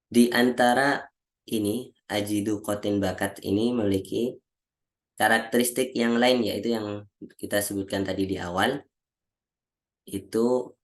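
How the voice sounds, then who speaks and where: A male Quran recitation teacher giving a lesson on how Arabic letters are pronounced, slowly drilling syllables one by one and often clearing his throat, over a video call. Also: on the low side. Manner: slow, patient, repeats each syllable aloud as a drill.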